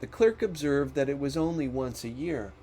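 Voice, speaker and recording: A man reading a classic story as an audiobook narrator, with dramatic, deliberate phrasing. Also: mid-range voice, lively intonation, mellow.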